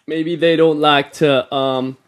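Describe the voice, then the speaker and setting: A man's voice: fairly high pitch, fairly even intonation, takes it slowly, pitched below the performer's own voice. A man playing an awkward wannabe gangster rapper from South Australia in an improvised comedy podcast bit. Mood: sheepish. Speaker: guest playing a fake rapper.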